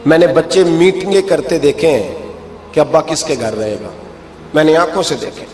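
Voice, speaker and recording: A man's voice: a little high, a little mellow. A man preaching a sermon in a mosque, emphatic, his voice climbing sharply when he acts out the people in his stories. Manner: emphatic, rises sharply when acting out quoted speech. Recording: echoey hall with faint music.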